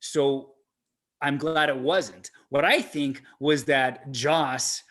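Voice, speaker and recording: A man co-hosting a casual movie-reaction podcast, excitable and swearing freely as he gushes over scenes. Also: fairly high pitch, slow pace. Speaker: podcast co-host.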